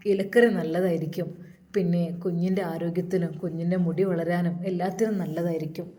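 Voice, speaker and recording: A woman voicing an attentive young husband who speaks in a calm, lowered voice. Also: fairly quick, natural voice. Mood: caring.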